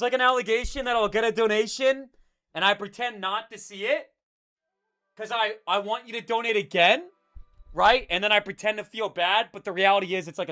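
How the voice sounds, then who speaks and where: A young man live streaming and chatting with his viewers, jumping between loud hype and a low, mock-menacing mutter. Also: dry recording, clean studio sound.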